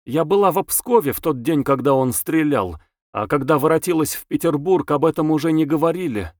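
A male audiobook reader voicing a chatty, excitable young woman who gossips and exclaims breathlessly. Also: fairly high pitch, brisk, no room sound, studio quality, pitched above the performer's own voice, lightly acted. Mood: excited. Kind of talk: audiobook character voice.

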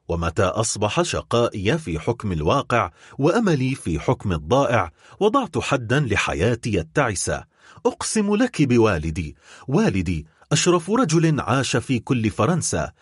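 A man reading an audiobook, voicing a desperate young man in love, speaking gravely and with resolve. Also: mid-range voice, wildly swooping pitch, normal speed, no echo, clean studio sound.

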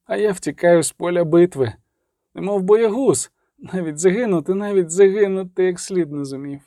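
A man's voice: high-pitched, normal speed, mellow, dry recording, studio quality. A man voicing a young male fighter who sobs and stammers in shame. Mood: sobbing despair. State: crying, stammering.

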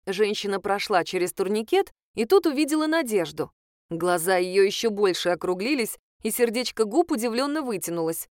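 Woman narrator, audiobook, expressive storytelling, lively intonation, smooth clear voice. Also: mid-range voice, normal speed, no echo, clean studio sound. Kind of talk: scripted narration.

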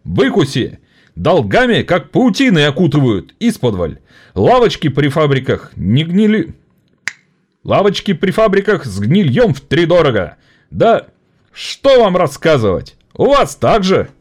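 A man's voice: a little high, wildly swooping pitch, unhurried, breathy edge, pitched above the performer's own voice, full character voice. A man voicing a fiery orator rousing striking workers in an audiobook. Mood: indignant. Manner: rousing, indignant speech.

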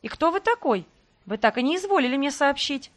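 Icy, sharp-tongued young noblewoman in an audiobook, as the woman narrator voices her. Her politeness is cold and venomous. The voice sits somewhat high. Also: expressive, brisk.

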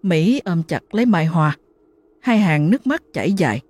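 A woman narrating a ghost story in a dramatic, expressive way. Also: lowish voice, moderate pace, no echo.

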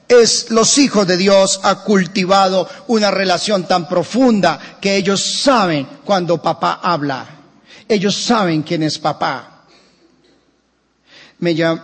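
A man with a Colombian accent preaching a sermon as pastor, animated and telling humorous anecdotes. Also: a little high. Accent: Colombian Spanish. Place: church. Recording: church hall reverb.

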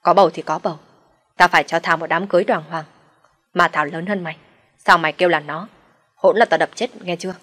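Người phụ nữ đọc lời chàng trai nóng tính. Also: female voice, sits low, fairly even intonation, moderate pace, long pauses, fairly bright tone, slightly rough. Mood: angry. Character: protective young husband, hot-tempered.

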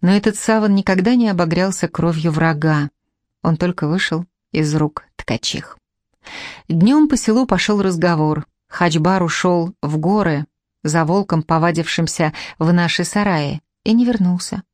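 A woman narrating an audiobook in a measured, even reading. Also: on the low side, no echo, clean studio sound.

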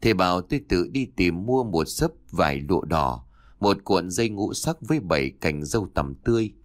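A man narrating a first-person spooky story in a measured, expressive way. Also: low voice, no echo, clean studio sound.

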